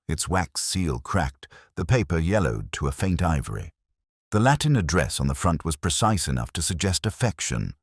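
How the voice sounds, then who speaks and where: Heavily acted and extremely deep, this male voice still moves up and down with expression as a brooding, introspective detective looks back on a case. He speaks in measured, reflective, literary phrasing. Recorded dry and close with no echo, it suits scripted mystery narration.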